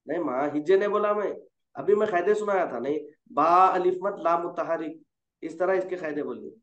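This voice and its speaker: A high-pitched man tutors Quran reading, drawing out each letter and coaxing his student along. His voice sounds roomy and a little dull, like a lo-fi call. He corrects gently and repeats until it sticks. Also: brisk. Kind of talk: patient tutoring over a call.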